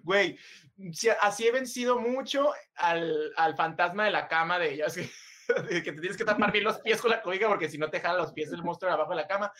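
High-voiced Mexican man telling a scary tale. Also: brisk. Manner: animated, slangy, laughs often. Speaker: podcast co-host. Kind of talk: casual storytelling.

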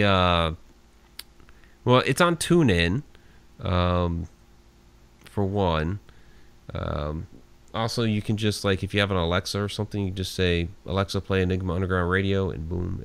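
Gravelly, smooth-voiced man in his forties. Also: low-pitched, fairly bright tone. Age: 40s. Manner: reads out listener names with thanks, easygoing and chatty. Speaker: host of a live internet radio show. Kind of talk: casual live-show sign-off chat.

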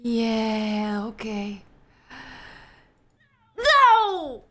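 A woman chats excitably during a tabletop game. Her voice is high and bright with big swings in pitch, and her words come slowly. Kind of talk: excitable casual game chat.

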